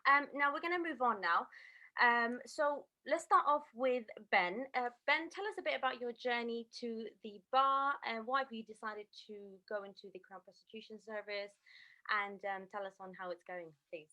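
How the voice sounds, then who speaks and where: A woman hosting an online panel over a video call, her voice fairly high and bright. She speaks politely, stringing her sentences together with many ums and uhs. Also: moderate pace, rough recording. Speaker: host of an online panel event.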